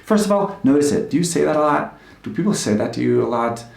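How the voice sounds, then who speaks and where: A man's voice: mid-range voice, lively intonation, fast talker, vocal fry, darkish tone. A male couples therapist giving an informal, conversational talk, explaining ideas with frequent filler words. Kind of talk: informal live-streamed talk. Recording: roomy echo.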